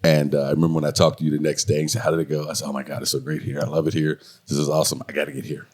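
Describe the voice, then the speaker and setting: A man's voice: extremely low pitch, level tone, racing, darkish tone, husky. A man co-hosting a casual podcast chat with his wife, joking and teasing, laughing often as he tells stories. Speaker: podcast co-host.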